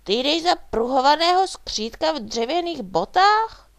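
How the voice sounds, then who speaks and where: Woman voicing a storybook boy dragon, high and loud, eager, curious, lively pitch. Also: no room sound. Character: small cheerful male dragon.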